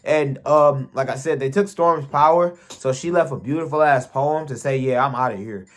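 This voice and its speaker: Man, casual show recap, swears constantly, animated slangy delivery, somewhat high voice. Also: moderate pace. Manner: profane, slangy, animated storytelling.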